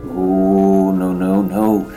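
A man's voice: low-pitched, completely flat delivery, very slow, mellow, soft background music. A man voicing a prim, sardonic parish priest in a comedy sketch, patient and mildly scolding. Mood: dry, scolding.

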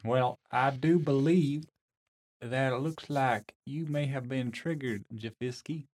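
A man, the game master, voicing a polite robotic security bot with a chirpy, mechanical delivery and slow, overly courteous phrasing. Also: mid-range voice, darkish tone, natural voice. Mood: prim.

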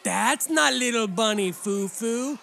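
A woman's voice: on the high side, animated, takes it slowly, creaky, a bit bright, slight background noise, exaggerated voice. An actress playing a young woman who assists at children's parties, casual and slangy in a scripted comedy. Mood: playful, staged. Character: young woman party entertainer's assistant, dry and eager. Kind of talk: scripted screen comedy acting.

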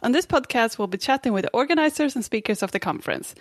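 A woman's voice: a little high, animated, fast. Friendly woman co-host asking questions, casual and chatty, dry mic, no echo. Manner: upbeat, friendly interviewer. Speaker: podcast co-host. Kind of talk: casual chat.

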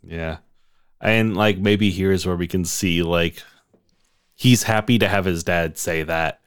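Fields: laid-back low-voiced young man. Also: slow pace, smooth. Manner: laid-back, enthusiastic, swears casually. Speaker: podcast co-host. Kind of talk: casual story brainstorming.

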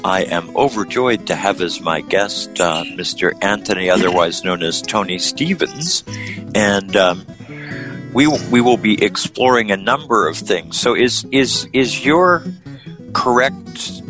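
A man with a fairly low voice hosts a radio interview. His phrasing is deliberate and halting, often repeating a word as he frames a thought. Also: lively intonation, over music. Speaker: radio show host, interviewer.

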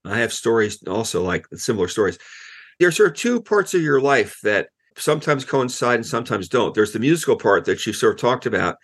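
A man hosts a casual interview, his voice rising and falling a great deal as he asks questions. He sounds relaxed and chatty as he leads the conversation. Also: medium pitch. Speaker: interviewer host.

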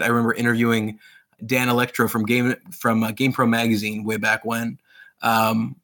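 A man in his thirties, raised in Pakistan, talking as an interview guest about his work. He speaks eagerly and loosely, piling on fillers and restarting sentences. His pitch sits in an ordinary middle range. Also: a bit bright. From grew up in Pakistan. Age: 30s. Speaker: author being interviewed. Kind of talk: casual interview storytelling.

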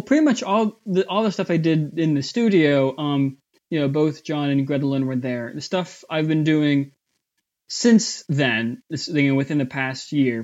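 A man chatting as an interview guest, his voice sitting a bit high and his speech halting, full of fillers and restarts. The recording sounds dull and lo-fi. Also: darkish tone. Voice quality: somewhat high voice. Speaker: voice actor guest. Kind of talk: casual interview chat.

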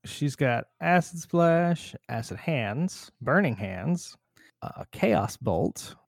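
A man's voice: on the high side, slow pace, gravelly, no echo, studio quality. A man narrating and explaining rules as game master of a tabletop game. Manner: relaxed, chatty rules explanations.

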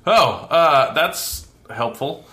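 A man's voice: a little high, expressive, extremely slow, pushed and bright, echoey room. A man playing in a tabletop role-playing game, casual and joking, swearing freely. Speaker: player. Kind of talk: casual play talk.

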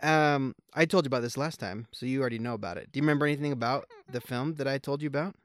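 Rambling man, smooth dry voice. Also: medium pitch, racing, dry recording. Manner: rambling, with many fillers and restarts; joking, wry. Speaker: podcast co-host. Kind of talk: casual conversational film chat.

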